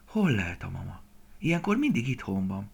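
A man voicing an eager young male roe deer fawn in a storybook, raising his voice high and calling out excitedly. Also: gravelly, breathy edge, full character voice. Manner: excited, high-pitched calls.

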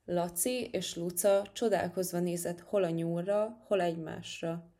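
Woman gently reading a children's tale. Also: lowish voice, fairly even intonation. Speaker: storyteller. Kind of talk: reading a children's story aloud.

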